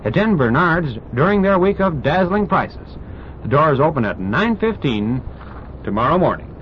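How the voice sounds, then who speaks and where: A man with a fairly high voice announces for a station in a brisk, upbeat sales tone. The sound is that of an old radio broadcast: muffled and lo-fi, with a faint hiss underneath. He reads the commercial in a practiced, polished way. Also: very animated.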